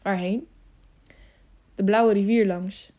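A woman's voice: medium pitch, steady tone, slow pace, dark tone. A woman reading the part of a polite, hesitant young man in an audiobook. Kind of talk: audiobook character voice.

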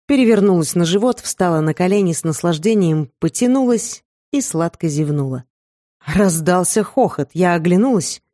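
Mellow-voiced woman reading an audiobook. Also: on the low side, dry recording, clean studio sound. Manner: expressive, emotive reading. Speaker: audiobook narrator. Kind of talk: first-person audiobook narration.

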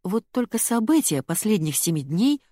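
Expressive woman reading an audiobook. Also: mid-range voice, normal speed, no room sound, clean studio sound. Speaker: audiobook narrator. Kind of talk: first-person audiobook narration.

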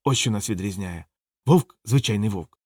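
A man's voice: on the low side, animated, normal speed, a little mellow, no echo, voice pushed down. A man voicing a scruffy, self-pitying male street dog who grumbles sarcastically in a dry, close sound. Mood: smug.

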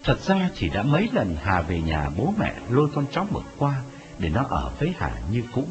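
A man narrating a dramatic story in a scripted, expressive telling. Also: lowish voice, normal speed. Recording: dull lo-fi audio with music. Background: music.

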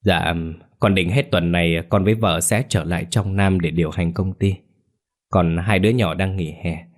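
A man voicing a respectful middle-aged businessman who talks politely and deferentially. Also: sits low.

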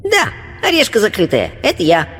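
A man voicing the spirit of a cheerful eight-year-old girl who chatters in thin, high baby talk. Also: huge pitch swings, normal speed, fairly bright tone, breathy edge, in a large hall, heavily acted. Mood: chatty. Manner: lisping baby talk, diminutives. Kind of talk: audiobook character voice.

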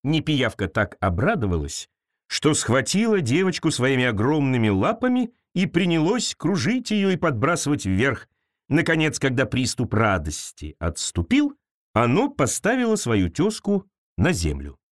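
A man reading a fairy tale aloud, expressive and varied. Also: mid-range voice, normal speed, no room sound, clean studio sound. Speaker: storyteller. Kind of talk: scripted fairy-tale narration.

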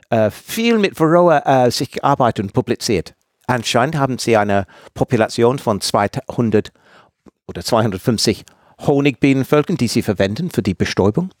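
A man's voice: medium pitch, no room sound, clean studio sound. A man from England with an English accent, a native English speaker, speaking as a guest researcher in a casual interview and searching for words as he goes.

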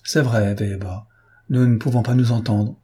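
A man voicing a sly, cocky gentleman thief who teases his captors in an ironic, lively tone, in a read-aloud novel. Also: medium pitch, moderate pace, slightly rough, natural voice. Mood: mocking.

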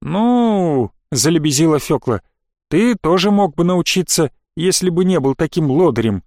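Guy doing a nagging old lady in an audiobook, mocking and bossy, pitched up a bit, dry sound. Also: expressive, normal speed, darkish tone, dry recording. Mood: fawning. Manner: mocking, scolding. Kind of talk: audiobook character voice.

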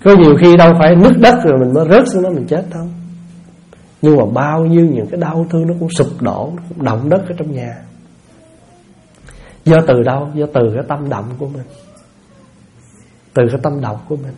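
A Buddhist monk gives a folksy, conversational dharma talk in a warm, fairly high voice. He speaks briskly but with long pauses, often posing rhetorical questions to his listeners.

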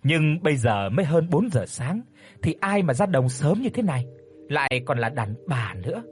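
A man narrating a horror story in a dramatic, expressive storytelling manner. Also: a little high, normal speed, faint music behind.

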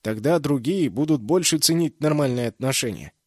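A man's voice: medium pitch, animated, moderate pace, darkish tone, no room sound, studio quality, pitched above the performer's own voice, close to an everyday voice. A man voicing a wry, bold, teasing male spaceship captain in an audiobook. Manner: brash, teasing. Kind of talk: audiobook character voice.

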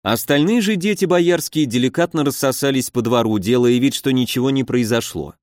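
A man's voice: medium pitch, a little fast, no echo, clean studio sound. A man narrating a first-person audiobook in a wry, ironic manner.

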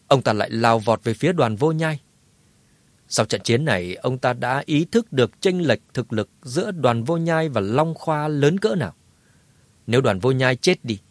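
A man's voice: medium pitch, dry recording. Dramatic male audiobook narrator. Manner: dramatic, lively telling.

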